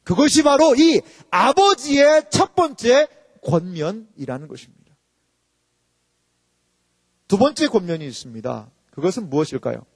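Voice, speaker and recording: A man's voice: high-pitched, big pitch swings, unhurried, long pauses, breathy edge, studio quality. A man in his forties, an associate pastor, preaching emphatically and asking the congregation rhetorical questions. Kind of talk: sermon. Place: church sanctuary. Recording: long reverb of a church hall.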